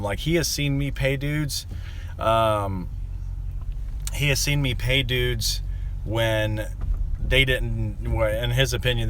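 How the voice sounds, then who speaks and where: Here a young landscaping business owner rants into the camera, full of fillers and grievances as he rambles on. His pitch is medium, with a little hiss or hum in the recording.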